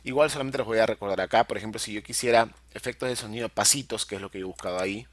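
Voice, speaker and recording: A man's voice: lowish voice, racing. Patient man teaching step by step. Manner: patient step-by-step explaining, checks in often with the class. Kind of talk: screen-recorded software tutorial.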